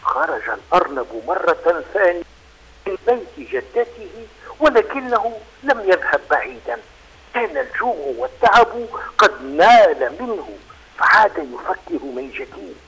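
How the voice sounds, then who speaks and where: Animated man telling a kids' story. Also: high voice, a little slow, breathy edge, poor audio. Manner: animated, expressive. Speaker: radio storyteller. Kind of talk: children's story narration.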